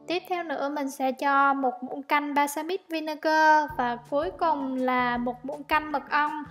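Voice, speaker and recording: A young woman, talking viewers through a recipe in a casual, chatty home-kitchen voice-over. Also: high-pitched. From Vietnam. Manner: chatty, friendly step-by-step explaining. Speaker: cooking vlogger. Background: soft background music.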